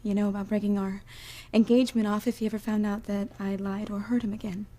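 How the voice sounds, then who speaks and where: An actress playing an earnest, devoted young bride-to-be, pleading in a soap opera. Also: female voice, medium pitch, little pitch movement, fast, warm tone, lightly acted. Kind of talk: daytime soap opera acting.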